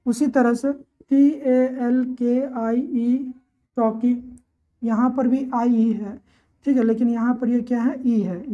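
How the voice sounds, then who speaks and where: A woman teacher explains spelling rules at a patient, repetitive pace. She often poses a question and then answers it herself. Her voice sits a little high but sounds mellow, and the recording is slightly dull. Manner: repeats her own questions and answers them, steady teaching rhythm. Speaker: English teacher.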